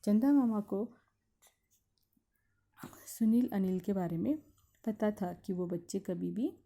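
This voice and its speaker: Mellow-voiced woman teacher explaining a lesson. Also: medium pitch, takes it slowly, creaky. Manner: reads dialogue aloud and retells it in plain words. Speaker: school teacher. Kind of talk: explaining a Hindi play lesson.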